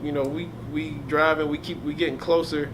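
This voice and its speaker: A man's voice: a little high, level tone, fairly quick. A young man, a hip hop artist, telling stories about his life in a casual, slangy, laid-back way during an interview. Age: young adult. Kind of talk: casual storytelling. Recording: noisy ambience.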